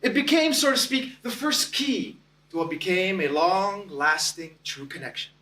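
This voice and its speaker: A man delivers a contest speech, telling his story with deliberate pauses, high and bright in tone. His slow delivery swings expressively. He is heard from a distance in an echoey meeting hall. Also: animated. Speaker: contest speaker.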